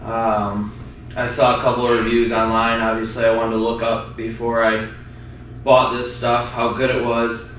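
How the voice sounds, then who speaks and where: A man's voice: mid-range voice, monotone, moderate pace, fairly bright tone, slight background noise. A young man hosting a do-it-yourself video, explaining his repair job casually to viewers he calls guys, filmed on an action camera. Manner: chatty, addresses viewers as guys. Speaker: DIY video host. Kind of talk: casual how-to narration. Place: outdoors by a truck, then inside a metal walk-in cooler. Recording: roomy sound with music behind.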